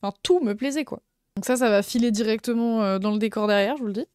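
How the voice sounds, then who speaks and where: Young woman streamer, gushing and chatty, bright higher voice, close and dry. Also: fast, smooth, no room sound. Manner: gushing, excitable, lots of fillers. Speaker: streamer showing convention purchases. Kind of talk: casual live stream chat.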